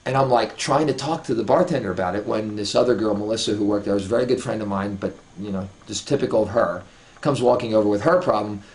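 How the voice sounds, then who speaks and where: A man's voice: on the low side, fast, a little mellow. A man telling a long story in a casual, profane way, rambling with many restarts and asides.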